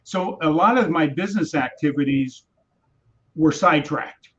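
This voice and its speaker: A man with a somewhat high voice talks business motivation in a livestream chat. He speaks emphatically, hammering home his points. The audio is muffled and lo-fi. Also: moderate pace, a bit bright. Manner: emphatic, motivational, repeats key phrases. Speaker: business coach, guest. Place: home in Wisconsin.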